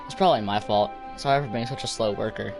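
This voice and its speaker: A man reading the lines of a shy, polite teenage girl in a visual novel, speaking quietly and hesitantly, with game music behind. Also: lowish voice, fast, natural voice. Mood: apologetic. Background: background game music.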